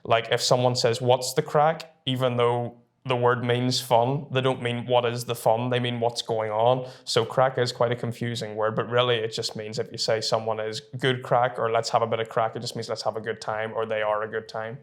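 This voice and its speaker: A man's voice: medium pitch, level tone, normal speed, few pauses. A man in his early twenties from Northern Ireland with a Northern Irish accent, talking casually and chattily to camera as a student presenter. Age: early 20s. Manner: informal, chatty.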